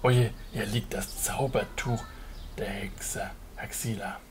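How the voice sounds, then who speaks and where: A man's voice: lowish voice, steady tone, slow pace. A man voicing an eager, helpful hero in a German children's puppet show, chatting to the children in a theatrical way. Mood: concerned. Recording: noisy home puppet-stage recording.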